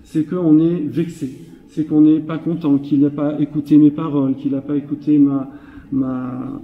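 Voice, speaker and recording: A man's voice: on the high side, level tone, measured pace, narrow, tinny audio, a little hiss or hum. A man giving an informal Torah class as a storytelling rabbi, who repeats words for emphasis and chuckles often. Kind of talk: informal Torah lecture with anecdotes. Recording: echoey hall, heard from a distance.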